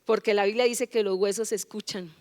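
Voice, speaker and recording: A woman's voice: mid-range voice, steady tone, brisk, darkish tone. A woman pastor preaching a rousing sermon, firing rhetorical questions and leading the congregation in call-and-response. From Colombia. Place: large church hall. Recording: church hall reverb.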